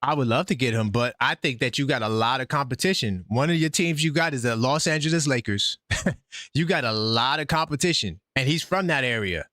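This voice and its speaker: A man hosting a live sports call-in stream, talking excitedly and breaking in with news for his viewers. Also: medium pitch, brisk, no echo, clean studio sound. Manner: animated, breaks in with updates, talks straight to viewers. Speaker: host of a sports call-in livestream.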